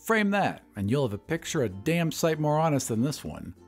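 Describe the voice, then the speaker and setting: Give me a man playing a scornful, sardonic old painter with a lively, varied voice. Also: a little high, moderate pace, husky, faint music behind, full character voice. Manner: sarcastic, bitter.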